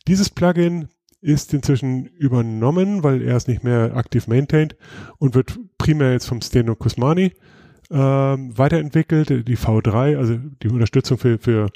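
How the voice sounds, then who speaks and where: A man hosting a podcast in casual chat, explaining things in a relaxed way with frequent hesitations and restarts. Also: mid-range voice, no room sound, clean studio sound. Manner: relaxed, explanatory, many filler sounds and restarts. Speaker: podcast host.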